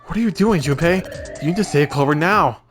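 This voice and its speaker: A man's voice: a little high, fairly quick, over music, pitched above the performer's own voice, close to an everyday voice. A man voicing a bossy, urgent adult woman in a video game with a commanding, exclamatory manner. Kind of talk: video game character read-aloud.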